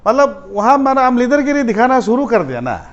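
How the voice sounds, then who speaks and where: A man from Arunachal Pradesh, a student leader telling stories from his school days in a casual interview, getting animated and loud as he retells his run-ins. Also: very high-pitched, moderate pace. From Arunachal Pradesh, India. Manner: animated, rises sharply when retelling confrontations. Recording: slightly dull lo-fi audio.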